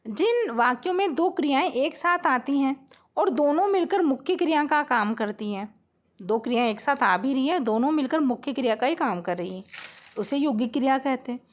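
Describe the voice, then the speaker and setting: Standing at the blackboard, a high-voiced woman who teaches Hindi grammar speaks expressively at a normal speed. Each rule gets a patient explanation, example sentences are said twice, and she regularly makes sure the class is keeping up.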